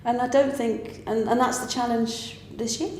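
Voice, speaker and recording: A pantomime writer and director shares her views in a conversational discussion, earnest and emphatic, laughing now and then. Her voice sits a little high and a little mellow, holding a steady tone at normal speed. The room is echoey, with faint background noise.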